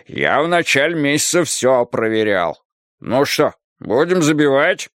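A man voicing a deep-voiced male worker who answers sullenly and defensively in a storybook reading. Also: lively intonation, unhurried, fairly bright tone, no room sound, studio quality.

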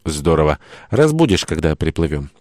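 A man reading an audiobook, voicing a calm, laid-back teacher who speaks in an unhurried, dry way. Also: very deep voice, no echo.

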